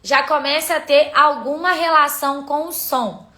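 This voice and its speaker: Bright high-voiced woman teaching. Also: moderate pace. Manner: explains patiently, points things out to viewers, greets chat. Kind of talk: live-streamed literacy lesson.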